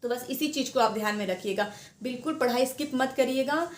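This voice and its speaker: A woman's voice: high voice, brisk, echoey room. Chatty woman giving exam advice. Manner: chatty, repeats herself, many restarts. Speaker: exam preparation guide. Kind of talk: informal advice talk to students.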